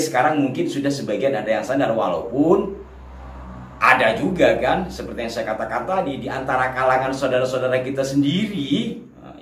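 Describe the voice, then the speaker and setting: A male host talks straight to his viewers in an earnest monologue. The room rings with echo. He sits at a distance from the microphone. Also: mid-range voice. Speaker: channel host. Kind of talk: commentary monologue.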